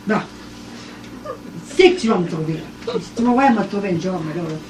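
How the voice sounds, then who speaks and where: A woman's voice: lowish voice, very fast. Older Québécois woman telling a story. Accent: Québécois French. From Quebec. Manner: animated, acts out dialogue, laughs often. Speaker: storyteller at a gathering. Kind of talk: casual storytelling. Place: living room at a private evening gathering. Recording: echoey home cassette recording from far off.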